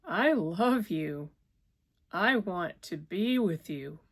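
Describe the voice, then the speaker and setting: A woman's voice: lowish voice, measured pace, gravelly, darkish tone. Distraught young woman on the edge of collapse, begging through tears, read by a woman. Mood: pleading. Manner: pleading, tearful, raised voice.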